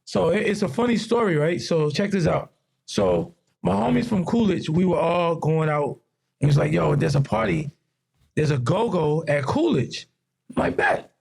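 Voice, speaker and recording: A man's voice: moderate pace, creaky, breathy edge. A man, a podcast guest telling stories in casual chat and acting out the quotes. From raised in New York. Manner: relaxed storyteller who acts out quotes in a higher voice.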